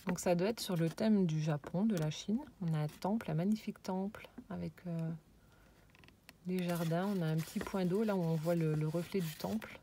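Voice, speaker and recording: A woman casually showing a handmade scrapbook album, hesitant and searching for words, and often dropping into soft, admiring whispered asides. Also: on the low side, a little fast, few pauses, slight background noise. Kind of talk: casual show-and-tell.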